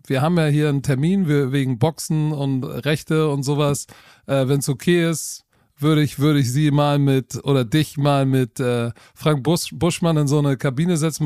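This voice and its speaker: Relaxed German man telling his story. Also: mid-range voice, dry recording, studio quality. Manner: relaxed storytelling, self-deprecating. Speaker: guest, football coach and TV expert. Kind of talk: casual interview talk.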